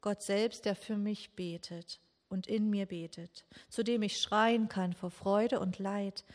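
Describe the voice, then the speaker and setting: A woman preaches a meditative sermon, her speech unhurried and heavy with grief. She asks question after question and leaves long pauses. Her mid-pitched voice carries a long reverb, as if it were recorded in a large church. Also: fairly even intonation, a little mellow. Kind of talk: slow meditative Good Friday sermon.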